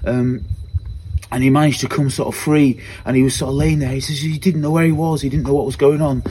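An earnest man gives a spoken church testimony in a mellow, warm voice, circling back to repeat his phrases as he tells it. Faint noise sits under the recording. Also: medium pitch, fairly even intonation, a little fast. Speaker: church member giving a testimony.

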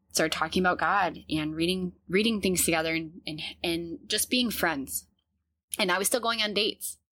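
A woman in her thirties hosts her own podcast and tells her story candidly and earnestly, laughing now and then. Her voice sits a little low for a woman. The recording is close and dry, with no room sound. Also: a bit bright, no echo. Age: 30s. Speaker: podcast host. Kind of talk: personal storytelling monologue.

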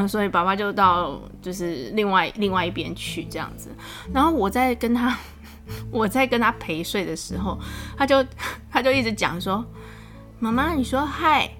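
A woman with a Taiwanese Mandarin accent talks about her young son in a chatty, animated way. She laughs often, and her voice climbs when she gets exasperated. Soft music plays faintly in the background. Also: mid-range voice, normal speed. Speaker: podcast host, mother. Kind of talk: casual storytelling monologue.

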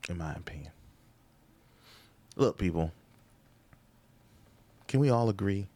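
A man's voice: lowish voice, creaky, darkish tone, dry recording. A man, a comedian hosting his own podcast, rambling through a comedic monologue with sarcastic asides and rhetorical questions.

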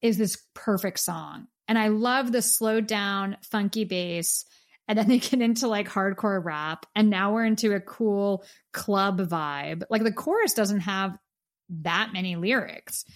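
A woman's voice: mid-range voice, measured pace. A woman co-hosting a music podcast, chatting enthusiastically and gushing about a song. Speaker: podcast co-host. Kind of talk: casual music review chat.

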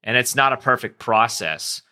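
A man's voice: medium pitch, expressive, moderate pace, sharp tone. A young man hosting his own podcast, talking in a loose, rambling way with lots of fillers, restarts and the odd curse. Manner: rambling, self-correcting, with frequent fillers and casual cursing. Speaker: podcast host. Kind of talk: casual solo podcast talk.

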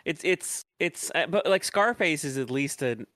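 A man's voice: a little high, expressive, normal speed, sharp tone, dry recording. Blunt, opinionated man, dry sound. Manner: blunt opinionated critic, stammering restarts. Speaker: podcast co-host. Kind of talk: casual chat.

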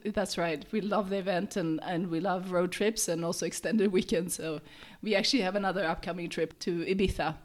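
A woman co-hosting a podcast, with a raspy voice from a sore throat, chatting in a friendly way. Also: lowish voice, steady tone, brisk, hardly any pauses. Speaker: podcast co-host. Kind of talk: casual podcast chat.

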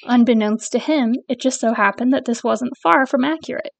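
A woman from northern England hosts a podcast and reads her prepared notes in a measured, informative way. Her voice sits fairly high, and the sound is dry and close. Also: creaky, no room sound. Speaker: podcast host. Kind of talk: scripted podcast narration.

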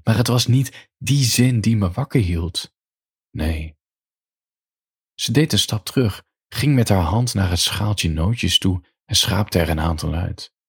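A man softly reading his own short story aloud as a slow bedtime tale, close to the mic. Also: no echo. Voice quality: deep gravelly voice. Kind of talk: intimate storytelling narration.

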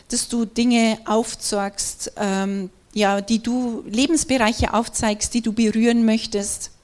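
A woman delivering a sermon at an unhurried pace. Her voice sits a little high, and she talks earnestly and conversationally, often asking her listeners questions. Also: darkish tone. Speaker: preacher. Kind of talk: sermon with prayer and scripture reading.

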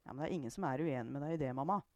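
A woman's voice: extremely low pitch, a little mellow, dry recording, lo-fi sound. A woman voicing a matter-of-fact sexologist who corrects others' words. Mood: correcting.

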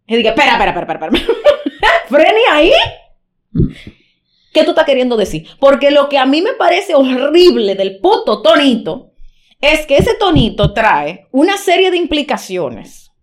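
A woman's voice: sits high, very animated, measured pace. A woman co-hosting a casual chat, blunt and profane, laughing often and acting out quoted lines. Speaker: podcast co-host.

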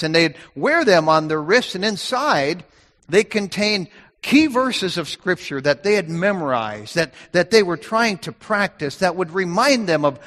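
A man preaching an expository sermon, folksy and animated, acting out the voices he quotes. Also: sits high, big-room sound.

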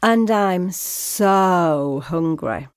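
A woman's voice: on the low side, lively intonation, extremely slow, clear, resonant tone, dry recording, clean studio sound. Finn, a woman doing an eager frog. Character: adventurous, eager little male frog.

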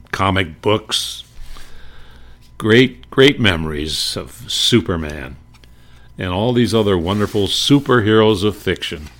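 An older man fondly reminiscing about old radio shows and comics, unhurried and warm in tone. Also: sits low, creaky. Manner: unhurried, fond, with fillers and restarts. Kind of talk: nostalgic reminiscing talk.

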